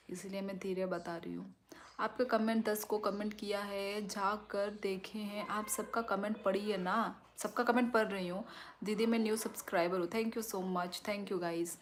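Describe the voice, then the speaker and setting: A woman hosting a casual livestream, reading viewer comments aloud, thanking them and asking for likes, with a strong, loud voice into a phone. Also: medium pitch, steady tone, moderate pace, slight background noise. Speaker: livestream host.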